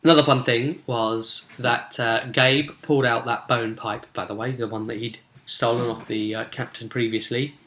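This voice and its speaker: A game master and vidcast host chattily recaps a tabletop role-playing session like an informal story, briefly acting out dialogue. His mid-range voice is steady and fairly bright at normal speed, with hardly any pauses, and the sound is roomy and echoing.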